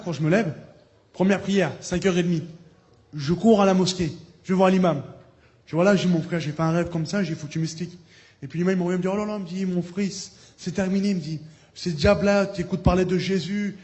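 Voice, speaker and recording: High-voiced man preaching his testimony. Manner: storytelling, acting out quoted voices, bursts of loud praise. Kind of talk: testimony sermon.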